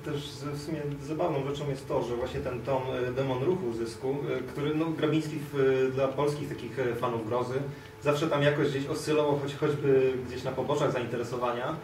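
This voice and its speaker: A man's voice: mid-range voice, steady tone, a little fast, a little mellow. A man taking his turn on a panel, sounding distant and echoey. He hesitates and restarts his thoughts, and faint noise hums behind him. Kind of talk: panel discussion. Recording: echoey room, far from camera.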